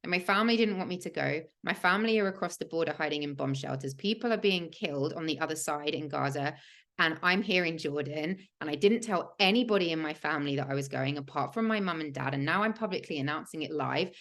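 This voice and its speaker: A woman's voice: low voice, lively intonation, fast talker, a bit bright. A woman, hosting a livestream and telling a personal story in an earnest, emphatic way with many "like" fillers. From England. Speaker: host of a spiritual podcast.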